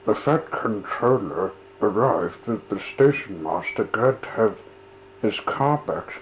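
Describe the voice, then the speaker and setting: A man reading a children's train story aloud in an unhurried, gentle storytelling manner. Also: lowish voice, expressive. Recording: roomy with faint hiss.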